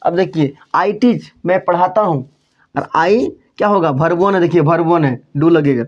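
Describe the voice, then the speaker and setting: A man gives a slow, unhurried grammar lesson in Hindi, repeating each rule and example word by word. His voice sits a little high for a man. The recording is dull and lo-fi. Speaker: English grammar teacher.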